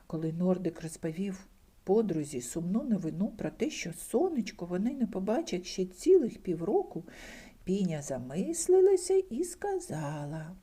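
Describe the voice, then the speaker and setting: An older woman reads a bedtime fairy tale with lots of expression, leaping into high voices for the characters and sinking into soft whispers. Her delivery is sing-song and breathy-edged, at a normal speed.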